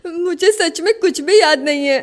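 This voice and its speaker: A woman's voice: extremely high pitch, moderate pace. A frightened, tearful young woman. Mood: recalling. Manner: tearful, pleading. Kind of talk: Hindi film dubbing. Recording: film soundtrack with music behind.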